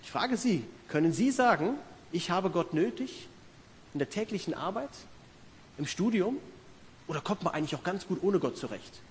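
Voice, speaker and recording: A middle-aged man preaches earnestly and conversationally, asking his listeners questions in a high, very animated voice at normal speed. The recording has a reverberant hall sound with a faint hiss.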